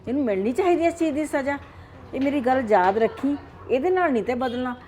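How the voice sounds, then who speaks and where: A woman with a Punjabi accent playing a scheming older grandmother who coaxes a child in a soft, conspiratorial way. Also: sits high, lively intonation, fast, slight background noise. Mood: coaxing. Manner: coaxing, conspiratorial.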